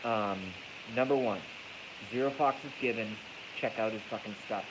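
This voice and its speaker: A congested, stuffy-nosed man with a fairly low voice livestreams at normal speed over noisy hiss. His casual, rambling monologue is blunt and profane, with repeated phrases for emphasis. He's in an echoey garage at night, using an iPhone that he moves closer as the stream goes on.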